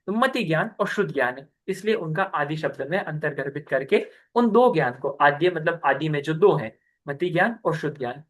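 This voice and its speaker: Over a video call, a young man patiently teaches a scripture class, explaining step by step and often checking in with students by asking "ठीक है". His voice is on the high side and a bit bright.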